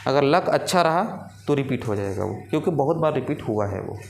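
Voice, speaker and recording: Asking his students questions and supplying the answers himself, this man teaches English grammar in a classroom style. He speaks a little fast at medium pitch with lively intonation and a creaky quality, over a faint hiss or hum.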